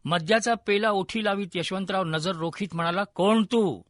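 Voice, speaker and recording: A man narrating a historical story in a vivid, expressive storytelling manner. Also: high voice, fairly quick, no room sound, studio quality.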